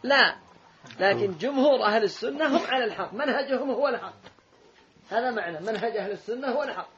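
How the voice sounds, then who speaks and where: A man's voice: very high voice, animated, fast talker, crowd noise. A man teaching a religious lesson, commenting emphatically on a read text and correcting it. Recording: dull lo-fi recording with faint room noise.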